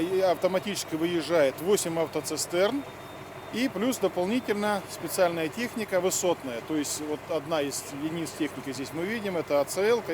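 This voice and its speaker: A man with a slightly high voice gives an official explanation in an interview outdoors. He is halting and formal, full of fillers, with clear vehicle noise behind him. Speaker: fire service official. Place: outdoors near fire vehicles.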